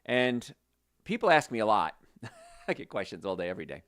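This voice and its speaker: A man from New Jersey hosting a health podcast, talking to listeners in an animated, conversational way. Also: on the low side, normal speed. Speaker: health show host. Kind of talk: promotional health podcast talk.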